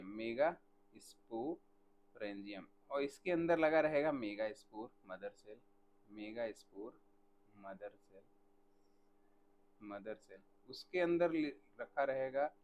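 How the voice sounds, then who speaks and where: A man teaching botany in a live online class, asking students questions by name and dictating answers slowly. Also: medium pitch, muffled recording, slight background noise.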